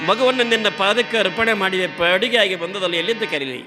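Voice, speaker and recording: A man's voice: sits high, quick pace, in a large hall, over music, natural voice. A man voicing a grieving, devoted mother who calls out plaintively for her son. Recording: accordion playing behind.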